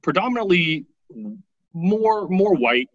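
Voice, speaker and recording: A man's voice: high-pitched, slow pace, no room sound, dull audio. Guy in his 30s from taiwan, laid back storyteller, keeps saying right, dry dead sound. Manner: relaxed, often tags lines with "right?". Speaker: interview guest. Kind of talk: casual storytelling.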